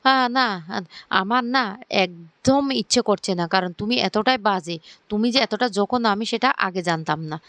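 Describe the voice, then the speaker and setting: A woman's voice: medium pitch, normal speed, a bit bright, dry recording, close to an everyday voice. A woman doing an indignant young man. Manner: indignant, contemptuous. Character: angry young man refusing a forced marriage.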